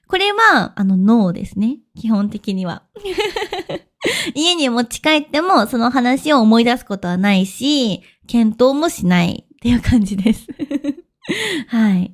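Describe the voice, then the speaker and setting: A woman teaching as an online language teacher in a casual podcast lesson, chatty, with lively pitch swings and frequent soft laughs. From Japan.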